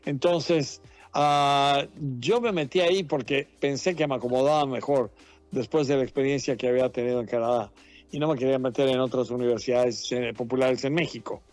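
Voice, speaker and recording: Mexican-born veteran journalist, chatty and laughing. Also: male voice, medium pitch, fairly even intonation, brisk, a little mellow, soft background music. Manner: rambling and laughs often. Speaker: journalist guest. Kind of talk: casual interview conversation. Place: Washington.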